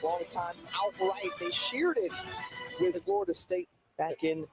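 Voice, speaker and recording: Live football broadcast commentator, medium pitch, heavy music bed. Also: very animated, unhurried, vocal fry. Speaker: sports broadcaster.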